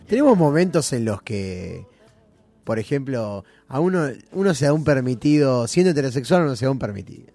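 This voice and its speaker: A man's voice: medium pitch, animated, brisk, mellow, no echo, faint music behind. A man with a Rioplatense Spanish accent hosting a casual radio show, playful and joking with his co-hosts. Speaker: radio host.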